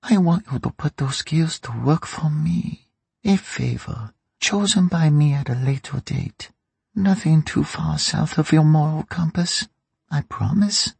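A man voicing a dry, sly, ruthless old woman who runs a crime family, in a raspy, mocking audiobook voice. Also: a little high, measured pace, darkish tone, no echo, pitched above the performer's own voice, heavily acted. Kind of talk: audiobook character reading.

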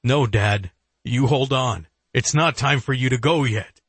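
A man voicing a young male agent, an exasperated and desperate son, in a slightly raised husky voice. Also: medium pitch, a little slow, a bit bright, no echo, voice pushed up. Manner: exasperated, pleading.

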